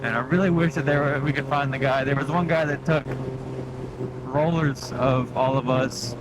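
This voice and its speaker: A man vlogging from a moving motorcycle on a helmet mic, talking in a loose, halting, think-aloud way with wind on the mic. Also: medium pitch, fairly even intonation. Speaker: motovlogger narrating a ride. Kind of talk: casual rambling vlog chat. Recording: loud engine and wind noise on mic.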